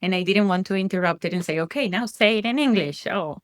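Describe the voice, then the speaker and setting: A native Spanish speaker from Colombia, with a Colombian Spanish accent and a medium-pitched voice, talks quickly and reflectively as a guest parent in a casual conversation, restarting often. The recording is dry and studio quality.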